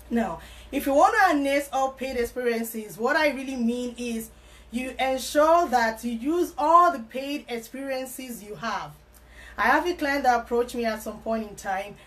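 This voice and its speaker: A woman working as an immigration consultant, giving earnest advice to camera, repeating key words with frequent fillers and restarts. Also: on the high side. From Canada, living in Alberta. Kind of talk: explanatory advice talk to camera.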